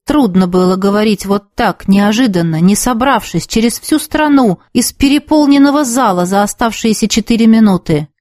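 A woman reading a novel aloud as narrator, with a steady storytelling delivery. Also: mid-range voice, normal speed, few pauses, no room sound, clean studio sound. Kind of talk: scripted audiobook narration.

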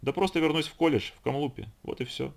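A man voicing a composed, unflappable male educator in an audiobook reading, speaking calmly. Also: lowish voice, quick pace, close to an everyday voice. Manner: calm, composed.

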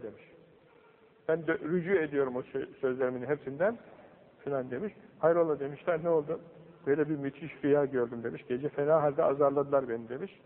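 Old tinny recording of a storytelling preacher. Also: male voice, a little high, long reverb tail. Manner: animated storyteller acting out quoted voices. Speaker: religious teacher. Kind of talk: religious talk, storytelling.

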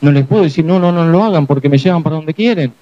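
A man voicing an anxious paralyzed man on a stretcher, pleading and fretful, his voice jumping high. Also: quick pace, dark tone, dull audio, lightly acted.

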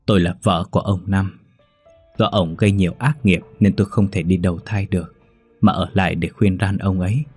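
Man doing female ghost, sorrowful, resigned, low husky voice. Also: fairly even intonation, brisk, darkish tone, faint music behind.

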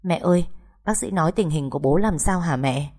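A woman's voice: on the low side, brisk, warm tone. A woman reading as a worried student daughter. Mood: worried, pleading. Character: anxious teenage daughter preparing for university exams.

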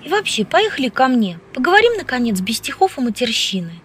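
A woman's voice: high voice, big pitch swings, fast, a bit bright, husky, voice pushed up, heavily acted. A woman reading an audiobook, voicing a bold, flirtatious, outspoken woman who teases freely. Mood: teasing. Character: brash, lively flirtatious woman scientist.

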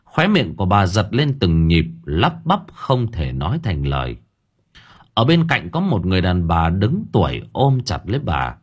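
A man narrating an audiobook story with dramatic, expressive delivery. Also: sits low, unhurried, slightly rough.

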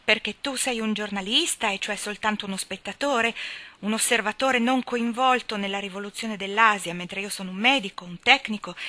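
A woman's voice: medium pitch, bright, forceful tone, dry recording, lightly acted. A woman reading aloud and giving voice to a tormented young woman doctor, speaking out in impassioned, defiant bursts. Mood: earnest. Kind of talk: dramatic audiobook reading.

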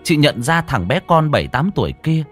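A man telling a ghost story in scripted narration, dramatic and slowing down for suspense. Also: on the high side, big pitch swings, breathy edge, soft background music.

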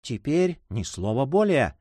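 A man voicing a shy young woman in love, speaking softly and tenderly. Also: mid-range voice, sing-song, unhurried, dry recording. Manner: soft, hushed, tender.

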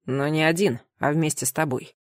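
A woman voicing a low, earnest young knight. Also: steady tone, brisk, dry recording, studio quality, close to an everyday voice. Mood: calm, serious. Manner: soft, low and earnest, half-whispered. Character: young male knight guardian, protective and tender. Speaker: audiobook reader. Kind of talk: audiobook character voice.

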